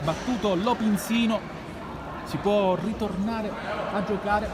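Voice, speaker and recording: Guy calling a live futsal match, high voice, gets excited on goal calls, really noisy gym behind him. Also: takes it slowly. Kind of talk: live sports commentary. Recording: loud indoor sports hall noise.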